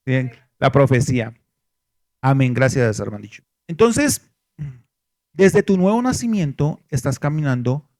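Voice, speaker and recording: A man's voice: mid-range voice, mellow. A pastor preaching a sermon to his congregation, asking them questions and answering them himself.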